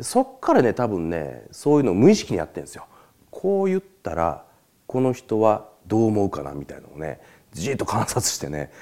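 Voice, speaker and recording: A man talks alone as host in a relaxed, chatty monologue. His voice sits fairly low but swings widely in pitch as he tells his stories. He breaks into short laughs between points. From Japan. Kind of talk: casual solo talk monologue.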